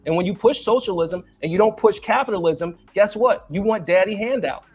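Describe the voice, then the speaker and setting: Fast, high-voiced man talking through a mask. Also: a little mellow, slightly rough. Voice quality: speaking through a face mask. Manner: boastful, profane. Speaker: panel guest. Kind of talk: heated panel debate.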